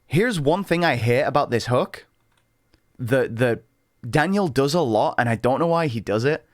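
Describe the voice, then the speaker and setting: A man hosting a music reaction, chatting in a loose, excitable way and tripping over his words as the thoughts pile up. His voice sits in an ordinary middle pitch. The sound is dry and close, with no room echo. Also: moderate pace. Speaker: reaction channel host. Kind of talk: casual music reaction commentary.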